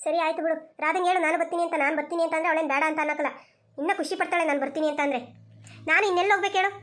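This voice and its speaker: Woman voicing an old mother-in-law, cartoon, bossy, insistent, high-pitched. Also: steady tone, rapid-fire, fairly bright tone. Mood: smug. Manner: insistent, repeats herself. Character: bossy elderly village mother-in-law, stubborn and quarrelsome. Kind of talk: cartoon voice acting.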